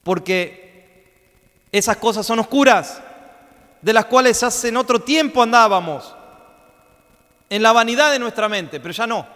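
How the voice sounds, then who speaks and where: Male pastor, high voice, emphatic sermon delivery with repetition, recorded with long hall reverb. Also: animated, sharp tone. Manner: emphatic preaching, repeats phrases and slows down to stress them. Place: church.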